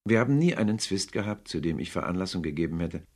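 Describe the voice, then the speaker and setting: A man voicing an earnest, warm-hearted young man who pleads with his uncle in a storybook reading. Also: low voice, lively intonation, fast, slightly rough, exaggerated voice.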